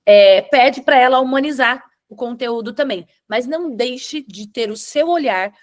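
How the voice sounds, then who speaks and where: A woman's voice: high voice, a little slow. A woman hosting an online webinar, explaining step by step and checking in with her listeners. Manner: explanatory, with frequent "tá?" check-ins and restarts. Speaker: webinar host.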